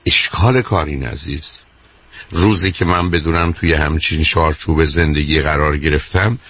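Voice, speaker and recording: A man's voice: very deep voice, fairly bright tone, breathy edge. A man hosting a radio call-in as a psychologist, interrupting insistently and repeating "my dear" and "wait".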